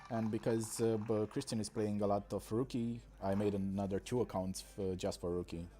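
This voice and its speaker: A Romanian man streams a mobile game, offering casual, halting commentary packed with pauses and fillers. He speaks into a desk microphone with a fairly low, steady, mellow voice.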